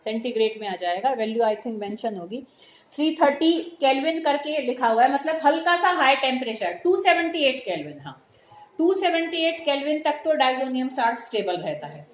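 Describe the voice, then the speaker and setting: Speaking fairly quickly in an expressive, high-pitched voice, a middle-aged woman patiently walks her chemistry class through the material. She mixes in English words and calls the students "beta," and the echoey room carries faint noise.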